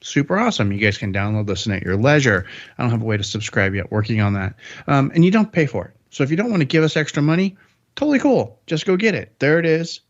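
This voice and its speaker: A man's voice: mid-range voice, very animated, quick pace, lo-fi sound. A man hosting a car podcast, chatting casually and upbeat, rambling with jokes. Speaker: podcast host.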